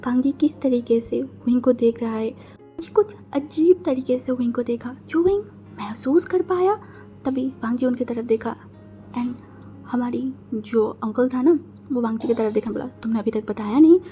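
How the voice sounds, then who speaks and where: A woman's voice: fairly high pitch, normal speed, warm tone, faint music behind. A woman narrating a fan-fiction story in a chatty, casual way, mixing in English words.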